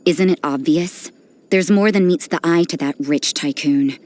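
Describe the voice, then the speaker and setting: An actress voices video game lines as a young nun who is aloof, cynical, worldly, and handles dirty work. Her deep, darkish voice is cool, dry, detached, and unhurried, with a wry, knowing mood, and background music plays underneath.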